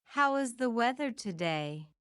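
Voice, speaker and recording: Slow, crisp woman reading practice phrases. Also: a little high, no echo, clean studio sound. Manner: repeats each phrase several times, deliberate and even. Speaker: English phrase reader.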